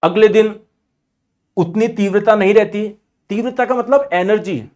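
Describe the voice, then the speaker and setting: A man teaching an exam-prep physics lesson in a lively way, often asking questions and answering them himself. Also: sits high, a little slow. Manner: lively, asks and answers his own questions; acts out students' objections in asides.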